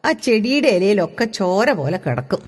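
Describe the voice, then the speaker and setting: A woman reading aloud, voicing a stern, short-tempered father who speaks in a gruff, mocking way. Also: mid-range voice, big pitch swings, normal speed, big-room sound. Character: stern middle-aged father, loving but short-tempered.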